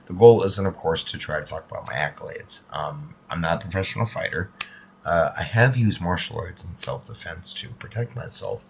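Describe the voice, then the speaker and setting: A man in his thirties from the United States, host of a martial arts channel, talks casually to camera for his viewers. His low voice is creaky and a bit unclear as he recovers from a cold, and he speaks at normal speed, rambling with many ums and uhs over slight background noise.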